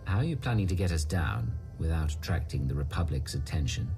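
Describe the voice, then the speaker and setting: A man's voice: very deep voice, big pitch swings, brisk, full character voice. An actor playing a blunt, commanding male secret agent in a video game, terse and businesslike. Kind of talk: acted game cutscene dialogue. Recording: music behind.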